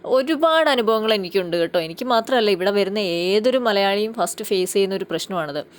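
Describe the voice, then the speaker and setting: A woman's voice: mid-range voice, lively intonation, brisk. A woman from Kerala talks her viewers through a farm garden outdoors. Her delivery is casual and explanatory. She keeps checking in with little tag questions as she goes. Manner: chatty, explanatory, often adds tag questions. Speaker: vlogger. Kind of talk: casual walking farm-tour vlog.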